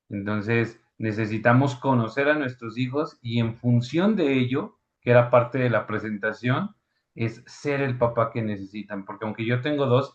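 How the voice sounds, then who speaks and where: A man, his voice in a mid range, reflects calmly on fatherhood at a church parenting workshop. He speaks in a measured way. The recording sounds slightly dull and muffled. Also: medium pitch. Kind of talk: church talk testimony.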